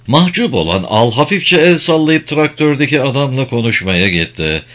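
A man's voice: medium pitch, very animated, moderate pace, a bit bright. A man reading a novel aloud as narrator, voicing all the dialogue himself. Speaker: audiobook narrator. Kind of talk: scripted narration.

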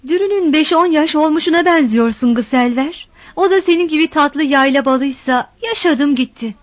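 A woman voicing a rough, boastful village man who courts a woman in a coarse, stammering way. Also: high-pitched, normal speed, no room sound, lo-fi sound, close to an everyday voice.

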